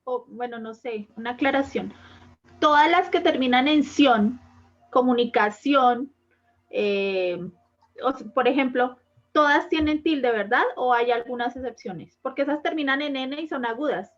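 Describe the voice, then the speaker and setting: High-voiced woman student asking questions. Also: measured pace, muffled recording. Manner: hesitant, tentative questioning.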